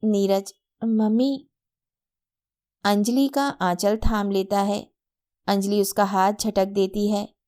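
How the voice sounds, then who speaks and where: A woman narrating a literary short story in a measured reading manner. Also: medium pitch, steady tone, darkish tone.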